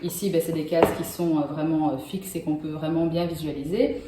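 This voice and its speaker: Low, dark-voiced woman in a very echoey room. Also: flat delivery. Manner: quick, chiming in to finish sentences. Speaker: co-presenter. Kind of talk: casual chat. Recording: very echoey room, faint noise.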